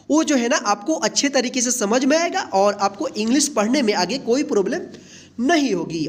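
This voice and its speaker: A teacher giving a voice-over phonics lesson, spelling English words letter by letter and then reading each one aloud. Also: medium pitch. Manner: asks the class questions and answers them himself.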